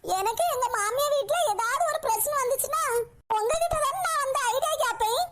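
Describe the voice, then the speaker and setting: Woman doing a meddling cartoon busybody, indignant, very high squeaky voice, noisy recording. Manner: meddling, indignant, quick to take offense. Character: meddling young village woman, pushy busybody friend. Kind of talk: cartoon comedy voice acting.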